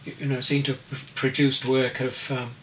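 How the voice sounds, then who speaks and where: A man in his eighties, an artist answering interview questions in a slow, deliberate way as he searches for his words. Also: medium pitch, completely flat delivery, a bit bright. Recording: distant mic with faint noise.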